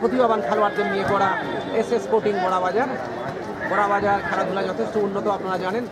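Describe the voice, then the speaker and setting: A man's voice: high-pitched, steady tone, very fast. A man with a Bengali accent giving live football commentary at an outdoor ground. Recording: very noisy outdoor ground, loud crowd.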